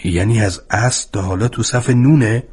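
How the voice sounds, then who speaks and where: A man's voice: on the low side, darkish tone, husky, pitched above the performer's own voice. A man voicing an anxious middle-aged father who keeps pressing with questions in a storybook reading. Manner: insistent, repeated questioning.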